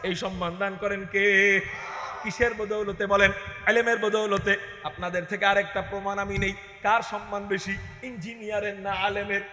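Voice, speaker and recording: Fiery preacher shouting through echoing loudspeakers. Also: male voice, high voice, level tone, moderate pace, a little hiss or hum. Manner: impassioned, rising to shouts, chanting verses. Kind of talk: waz sermon to a crowd. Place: open field gathering.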